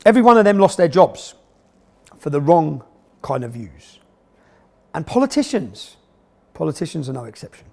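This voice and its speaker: Lively, high-pitched sarcastic male narrator. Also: normal speed, gravelly, long pauses. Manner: sarcastic, emphatic. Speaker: documentary narrator and presenter. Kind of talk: documentary narration.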